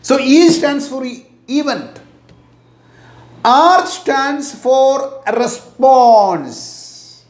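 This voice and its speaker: Slow, high-voiced Indian English speaker. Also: male voice, expressive. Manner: slow, deliberate, repeats key phrases. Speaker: motivational teacher. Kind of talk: motivational talk. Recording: echoey room.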